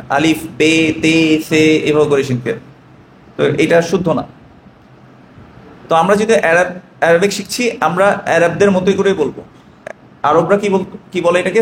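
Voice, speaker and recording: A man's voice: high voice, echoey room, a little hiss or hum. Bengali-accented male teacher quizzing his class. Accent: Bangladeshi Bengali. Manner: asks the class questions and answers them himself. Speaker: Arabic teacher. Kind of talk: classroom lesson, question and answer.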